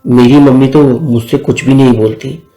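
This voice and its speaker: A man's voice: mid-range voice, fairly even intonation, normal speed, mellow, close to an everyday voice. A man reading an easygoing young boyfriend. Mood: casual. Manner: soothing, casual. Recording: echoey room with faint music.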